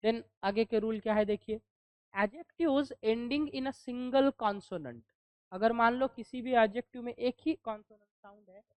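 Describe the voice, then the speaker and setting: High-voiced woman teaching slowly. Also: darkish tone, clean tone, dry recording. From India. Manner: asks questions and answers them herself, reads rules slowly and spells words out. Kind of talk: classroom grammar lesson.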